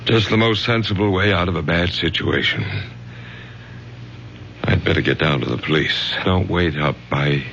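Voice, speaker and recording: A man's voice: low-pitched, normal speed, creaky, fairly bright tone. An actor playing a protective middle-aged father, a college professor, with an American accent and a firm, urgent manner in radio drama style. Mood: resolute, calmer. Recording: dull lo-fi old radio broadcast, faint hum.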